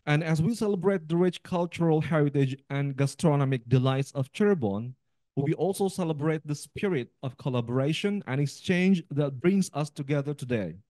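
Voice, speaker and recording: A man with an Indonesian accent delivers a formal speech at a podium. His voice is soft-edged and warm in tone, with very little room sound. He reads in a measured, ceremonial way. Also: a little high, dry recording. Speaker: university international office director.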